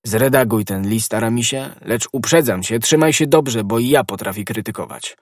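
A man's voice: mid-range voice, moderate pace, no room sound, studio quality, natural voice. D'Artagnan, a hot-headed young musketeer, voiced by a man. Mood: warning.

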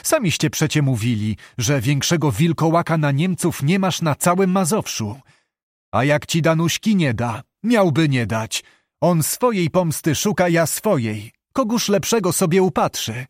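A man voicing a young, eager knight who is boastful and dreamy, with excitable archaic speech. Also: on the high side, measured pace, no echo, studio quality.

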